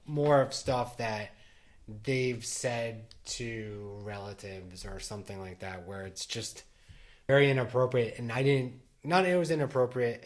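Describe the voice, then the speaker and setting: Middle-aged dad rambling on his podcast, lots of um and like, casual chat. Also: mid-range voice. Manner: rambling, many restarts and fillers. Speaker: podcast co-host.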